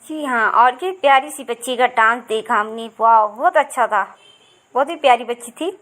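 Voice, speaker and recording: Chatty high-voiced woman vlogger. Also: moderate pace, fairly bright tone. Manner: chatty, rambling, repeats herself with many fillers. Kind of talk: casual vlog narration.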